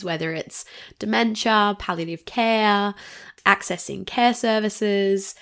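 A woman in her thirties with an Australian accent hosts a solo podcast in a relaxed, chatty way. Her voice sounds nasal from a cold, at a medium pitch. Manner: chatty and warm, laughs between phrases. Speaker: podcast host. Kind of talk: casual solo podcast monologue.

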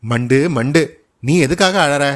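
A calm, kindly older husband, as a male storyteller voices him, speaking in an unhurried, gentle way at an ordinary middle pitch. He reassures rather than argues, as in a storybook reading. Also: close to an everyday voice. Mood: soothing.

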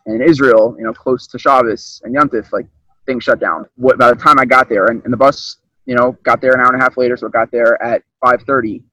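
A young man casually retelling a personal story, rambling and animated, often restarting his sentences. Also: medium pitch, a little fast, no room sound, low-quality recording.

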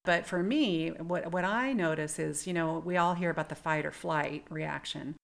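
A middle-aged woman with a low voice and gravelly fry tells a story in relaxed podcast chat. She reflects as she goes, restarting sentences while she works out her thoughts. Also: normal speed. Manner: reflective, thinks aloud with restarts. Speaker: podcast co-host.

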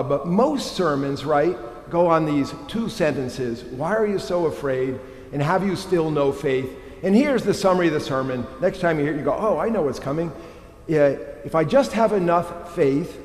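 Middle-aged pastor guy preaching, fairly high voice, keeps asking "right?", big echoey church reverb. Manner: animated, frequent rhetorical "right?". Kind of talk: sermon. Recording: echoey hall with long reverb.

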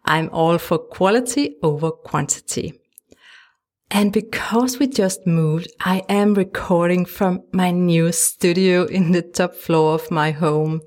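A Danish woman with a Danish accent, a podcast host and life coach, delivers a solo monologue from her small home studio lined with sound panels. Her lowish voice is slow, gentle and encouraging, and she laughs lightly now and then.

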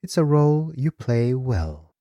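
A gentle, wistful young woman, as a man puts her on in an audiobook, her voice lifted well above his own. She speaks softly and probingly, with a dry, close sound. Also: mid-range voice, big pitch swings, a little slow, no echo, lo-fi sound, pitched above the performer's own voice. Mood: teasing, gentle. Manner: soft, probing, affectionate. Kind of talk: audiobook character voice.

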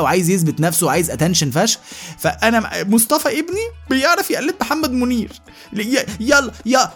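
A man with an Egyptian Arabic accent delivering a comedic monologue as a podcast host, rapid and animated, often mimicking other people. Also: on the high side, slightly rough.

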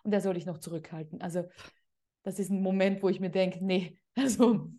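A woman's voice: lowish voice, level tone, fast, mellow. A middle-aged woman hosting a podcast interview as a parent coach, speaking in an outspoken, emphatic way.

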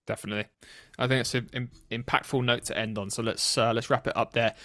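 A British man with a nasal voice, hosting a political podcast in an earnest, serious and somewhat halting way. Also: mid-range voice, level tone, pushed and bright, no echo, studio quality. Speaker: podcast host interviewing a colleague. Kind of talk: conversational political podcast interview.

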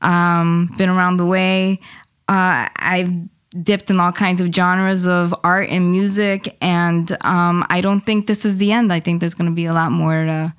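Middle-aged woman guest, shaky nerves, smooth clear tone, chatty and open. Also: fairly low pitch, level tone, unhurried. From Puerto Rico. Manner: nervous, candid, many fillers. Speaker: guest, poet and event founder. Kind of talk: interview.

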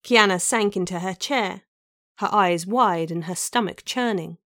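A woman narrating a fantasy novel as an audiobook, with an even storytelling delivery. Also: medium pitch, a little slow, dry recording, clean studio sound.

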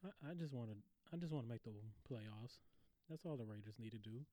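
A man co-hosting a sports podcast, excitable and profane, often laughing. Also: medium pitch, brisk, dry recording. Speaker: podcast co-host. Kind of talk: casual sports chat.

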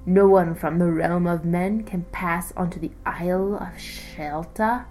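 A woman voicing an ancient, menacing male sea serpent who speaks slowly and threateningly. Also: on the low side, steady tone, darkish tone, lightly acted. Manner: slow, drawn-out, threatening.

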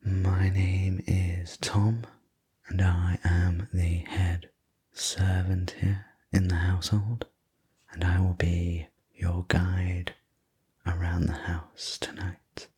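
Slow ASMR role-play, male sleep story narrator. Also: sits low, flat delivery. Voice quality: breathy, unvoiced soft voice. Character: courteous male head servant guiding a manor tour. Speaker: sleep story narrator playing a household servant guide.

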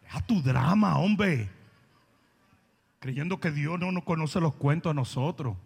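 A man preaching a confrontational sermon, scolding and mocking his listeners. His voice sits high and sounds husky, with a gravelly edge. It carries through a church hall with a long echo. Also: a little slow, a little mellow. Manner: blunt, mocking, acts out quoted people in voices. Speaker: pastor.

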